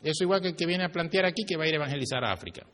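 A man preaching a sermon as pastor to his church, swinging his pitch and volume for emphasis. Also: very fast, a bit bright. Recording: reverberant hall.

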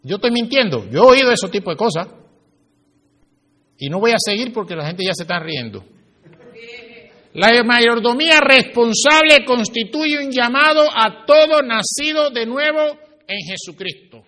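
A man preaching a sermon as pastor to his church, swinging his pitch and volume for emphasis. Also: animated, moderate pace, sharp tone. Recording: reverberant hall.

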